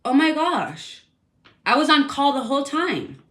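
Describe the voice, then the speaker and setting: A woman's voice: high-pitched, sing-song, measured pace, fairly bright tone. A woman telling a personal complaint story in a casual, rambling, indignant way, full of fillers.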